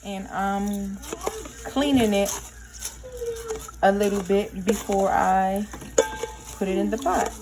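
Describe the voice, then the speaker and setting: A woman's voice: mid-range voice, fairly even intonation, slow, long pauses, background noise. A young adult woman chatting casually to viewers while cooking in her home kitchen, folksy and talkative. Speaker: cooking vlogger.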